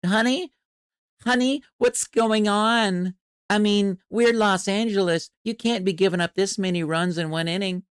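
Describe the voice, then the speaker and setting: A man voicing an entitled, nagging wife who scolds over the phone in a raised, shrill voice. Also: a little slow, clean tone, no room sound, studio quality. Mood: scolding.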